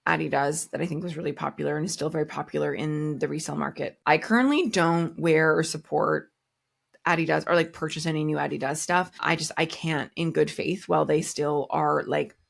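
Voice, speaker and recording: A woman's voice: low voice, steady tone, a little fast, gravelly. A Canadian-born woman hosting a fashion news show, chatting casually as she answers viewer comments, with lots of "like" in her speech. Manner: chatty, heavy use of "like".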